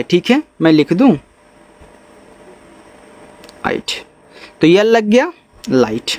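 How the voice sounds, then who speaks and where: A man teaching English phonics in Hindi, spelling out letters slowly and asking his students questions as he explains each step. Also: sits high. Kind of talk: spoken phonics lesson.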